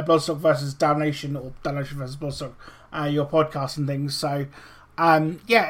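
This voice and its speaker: A man's voice: fairly high pitch, fairly bright tone. A man hosting a podcast interview in a casual, chatty style. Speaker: podcast host.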